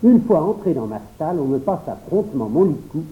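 Brief: male audiobook narrator, expressive storybook telling, higher voice, phone-quality sound. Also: a little fast. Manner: expressive first-person telling, voicing every character. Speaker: audiobook reader. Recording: tinny phone-like recording.

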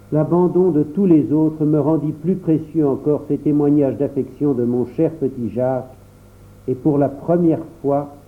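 A man reading a classic storybook aloud in the first person, with expressive storytelling. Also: on the high side. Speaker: audiobook reader. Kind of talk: storybook narration. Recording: tinny phone-like audio.

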